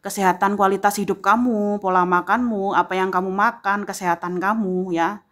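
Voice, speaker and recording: A woman giving a tarot reading, speaking straight to the viewer and tagging most phrases with a soft "ya". She repeats phrases slowly for emphasis. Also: mid-range voice, fairly even intonation. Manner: addresses the viewer directly, filling pauses with a frequent "ya"; slow, emphatic repetition of phrases. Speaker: tarot reader.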